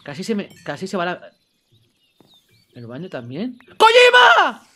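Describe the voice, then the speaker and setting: Spanish-accented male gamer, high voice, big swings; mutters, then yells and curses at the game. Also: moderate pace, background noise. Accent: Spain Spanish. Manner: excitable, swings from muttering to yelled outbursts, swears freely. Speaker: gaming YouTuber. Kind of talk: let's-play gameplay commentary.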